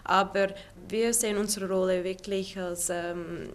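A woman's voice: medium pitch, fairly even intonation, unhurried. A woman who leads an integration project, explaining its idea in an interview with some fillers. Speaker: project leader. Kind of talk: interview answers.

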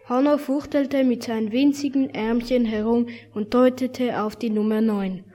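A woman reading a children's story aloud in a gentle, expressive manner. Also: fairly high pitch, moderate pace. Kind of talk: scripted storybook narration.

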